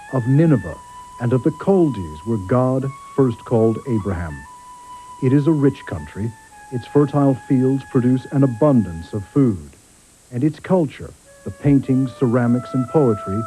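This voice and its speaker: A man, a journalist, giving measured, grave documentary narration, heard from a worn VHS tape copy. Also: medium pitch, warm tone, poor audio. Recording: faint music underneath, worn tape.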